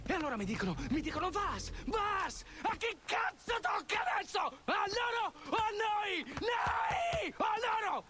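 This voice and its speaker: An actor playing a volatile, unhinged male pirate leader who taunts and erupts into shouting. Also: extremely high pitch, sing-song, measured pace, hardly any pauses, slight background noise, full character voice. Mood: ranting. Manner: menacing, erratic, swings into shouting. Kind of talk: game cutscene acting.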